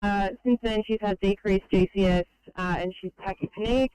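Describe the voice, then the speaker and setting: A woman paramedic giving a measured, methodical clinical handover over emergency two-way radio. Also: mid-range voice, fairly even intonation, mellow, low-quality recording.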